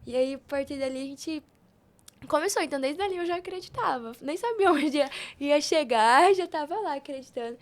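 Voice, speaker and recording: A young woman with a high, Brazilian Portuguese–accented voice tells stories as a guest on a podcast, where she's a member of a youth institute. Her style is casual, animated and fairly quick, and she keeps slipping into quoted dialogue.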